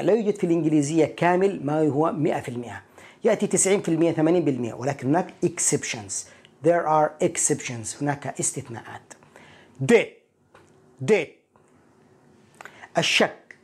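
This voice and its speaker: A woman teaching English pronunciation, repeating each word slowly and clearly so learners can copy it. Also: low voice, a little mellow. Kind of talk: pronunciation lesson with repetition drills.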